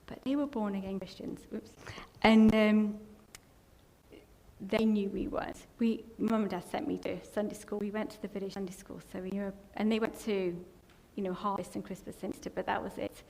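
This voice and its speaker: A middle-aged Englishwoman with a gravelly, mellow mid-range voice speaks at a moderate pace with flat delivery. She gives a rambling, emotional personal testimony in a church hall, sometimes choking up with tears. The recording carries long hall reverb and faint background noise.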